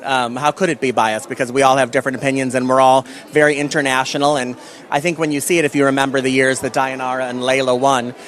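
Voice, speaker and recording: A man answering an interview question as a judge, in a measured, earnest manner. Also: medium pitch, little pitch movement, fairly bright tone. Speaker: pageant judge.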